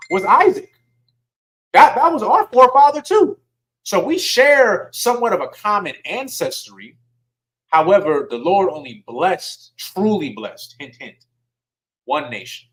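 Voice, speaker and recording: A man's voice: fairly high pitch, a bit bright, low-quality recording. A man giving a sermon in a conversational way, reading scripture and asking his listeners questions in informal speech. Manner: conversational, asks the audience questions; informal speech with dialect words like y'all. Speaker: teacher at a religious service.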